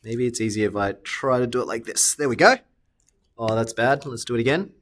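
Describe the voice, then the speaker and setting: A man's voice: medium pitch, fairly quick, fairly bright tone. A man teaching a recorded maths lesson, asking questions and answering them himself, correcting his sketches as he goes. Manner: talks students through steps, asks and answers own questions; self-correcting while sketching on screen.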